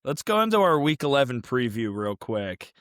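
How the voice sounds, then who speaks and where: A man's voice: mid-range voice, moderate pace, no echo, clean studio sound. A man hosting a casual sports podcast, telling stories animatedly and acting out quotes. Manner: animated storyteller, acts out quotes. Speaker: podcast host.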